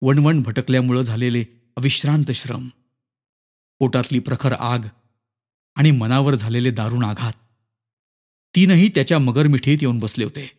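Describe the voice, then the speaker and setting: A man narrating a short story in an expressive, dramatic reading. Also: medium pitch, normal speed, pauses often. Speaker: story reader. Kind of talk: scripted narration.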